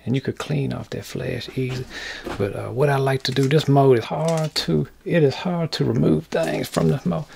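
A man's voice: mid-range voice, fairly even intonation, normal speed, vocal fry, darkish tone, slight background noise. A man hosting a casual workshop vlog, rambling in a folksy, joking way to his viewers. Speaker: craft channel host. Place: indoor workshop.

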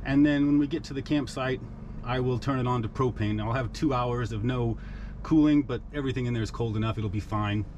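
A man's voice: medium pitch, a little fast, dull audio, a little hiss or hum. A middle-aged man giving a casual, matter-of-fact walkthrough of his old truck camper, filmed on a handheld camera. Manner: relaxed, matter-of-fact, practical. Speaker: vlogger giving a camper tour. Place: inside and around an old truck camper outdoors.

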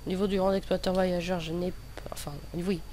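A man's voice: high voice, flat delivery, a little fast, mellow. A young man with a lisp that slurs his s sounds, giving hesitant, rambling, self-correcting commentary over gameplay. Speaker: gaming video host. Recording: noticeable background noise.

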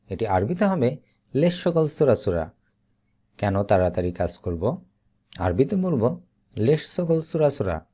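A man teaching Arabic vocabulary, saying each word slowly and then repeating it. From Bangladesh. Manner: slow, deliberate repetition with lively pitch. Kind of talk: slow vocabulary drill, each word said twice.

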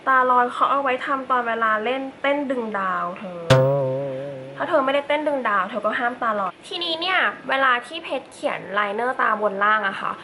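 A woman's voice: high voice, expressive, brisk, background noise. A young woman chatting casually through a makeup tutorial, with playful asides to her viewers. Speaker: beauty vlogger.

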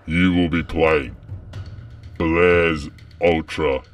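A man's voice: very deep voice, steady tone, very slow, full character voice. A man playing a cold masked game master, making formal, menacing announcements. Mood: cold menace. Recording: distant voice over music.

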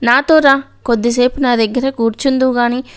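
Woman narrator voicing a steady consoling man in an audio story, firm, clear. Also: a little high, moderate pace, close to an everyday voice. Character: steady caring male friend, consoling elder.

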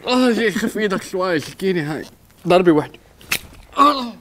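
A man's voice: mid-range voice, fairly quick, a little hiss or hum, close to an everyday voice. A man playing a cocky Lebanese self-defense coach. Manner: mixes English words into speech, overconfident. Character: boastful bumbling male self-defense coach. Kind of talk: comedy sketch.

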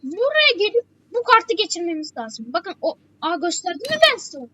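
A woman's voice: very high-pitched, sing-song, a little fast, pushed and bright, dull audio, slight background noise. A woman giving a chatty game walkthrough, repeating her warnings again and again. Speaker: gameplay walkthrough host. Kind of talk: casual game tutorial commentary.

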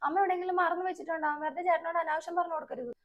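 Fast-talking fed-up young wife, played by a woman. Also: very high voice, fairly even intonation, lo-fi sound. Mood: indignant. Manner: indignant and sarcastic. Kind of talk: comedic family skit.

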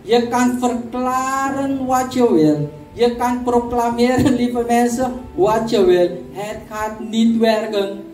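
A man, preaching a sermon as a church elder, emphatic and repeating key words while calling out to the congregation. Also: very high voice. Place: church service hall. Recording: echoey hall, distant mic, music behind.

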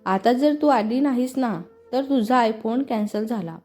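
An impatient young brother who loves to tease, calling his sister mocking names and yelling for her to hurry up, as a woman reading a storybook puts him on. The voice sits a little high and sounds mellow. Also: unhurried, faint music behind. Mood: teasing, impatient. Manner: shouting, mocking nicknames.

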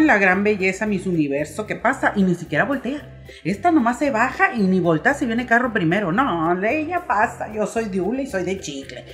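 A middle-aged woman with a Mexican accent, ranting in comic exasperation to her vlog audience, grumbling and mock-outraged. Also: mid-range voice. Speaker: vlogger. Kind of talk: comic rant to camera.

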